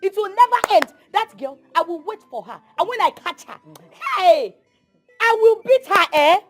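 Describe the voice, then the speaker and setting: A woman's voice: very high voice, lively intonation, normal speed, soft background music. A Nigerian woman acting a vengeful, boastful, hot-tempered village woman in a film drama, emphatic and threatening.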